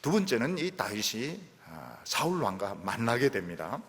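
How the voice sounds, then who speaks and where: A middle-aged male pastor preaching an animated sermon, repeating phrases for emphasis. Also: lowish voice, normal speed, big-room sound.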